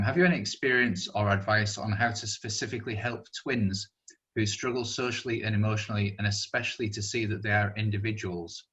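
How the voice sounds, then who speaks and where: A man with a Yorkshire accent hosts the question segment of a webinar, reading queries aloud politely and with a few ums. His voice is low yet bright and forceful, and the recording sounds dull and muffled. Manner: polite, apologetic, with filler ums.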